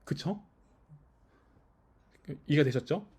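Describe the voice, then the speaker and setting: A man's voice: a little high, lively intonation, takes it slowly, a little mellow, slightly rough. A man preaching as pastor at a small house-church service, talking it through with the listeners and often checking that they follow. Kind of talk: conversational sermon.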